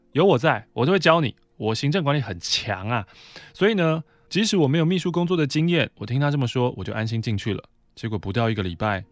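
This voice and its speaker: A man's voice: mid-range voice, dry recording, studio quality. A man from Taiwan, a podcast host, reading a listener's letter aloud in a conversational way with brief asides.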